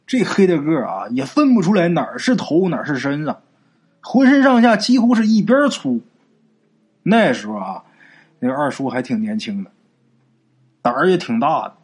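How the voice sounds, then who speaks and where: Male ghost-story teller, husky, lively pitch, chatty. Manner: colloquial, animated, drawn-out particles. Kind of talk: spoken folk ghost story narration.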